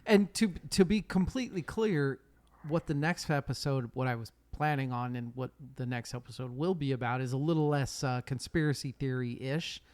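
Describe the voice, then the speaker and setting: A man's voice: mid-range voice, normal speed, darkish tone. A man hosting a casual podcast, chatty and swearing, often restarting his sentences. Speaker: podcast host.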